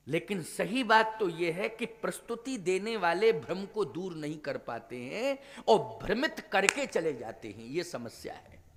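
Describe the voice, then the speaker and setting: High-voiced preaching man in a hall. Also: pushed and bright. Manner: preaching with rhetorical questions to the audience. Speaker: spiritual teacher giving a Ramkatha discourse.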